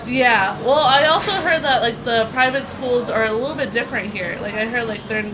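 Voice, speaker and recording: Loud traffic and street noise surround a young American woman, a teacher being interviewed, who answers casually in very informal speech sprinkled with "like". Her voice is on the high side and brisk.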